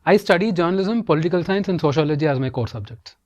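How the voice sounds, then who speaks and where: Young Indian man panelist, slightly high voice, thoughtful, a bit far from the mic. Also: animated, fast talker. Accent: Indian English. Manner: thoughtful, hedging with fillers. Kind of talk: student panel discussion.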